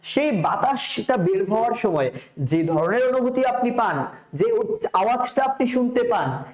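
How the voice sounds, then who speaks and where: A man's voice: very high-pitched, animated, measured pace, reverberant. A young man with a Bangladeshi Bengali accent teaching Quran letter pronunciation in an online lesson, patiently repeating sounds and checking in with his students. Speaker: Quran recitation instructor.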